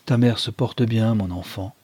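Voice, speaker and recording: Man doing an elderly father, soft, faltering, deep, dark, audiobook. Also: fairly even intonation, normal speed, breathy edge, no echo. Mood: shaken. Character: older father doctor, shaken, tender.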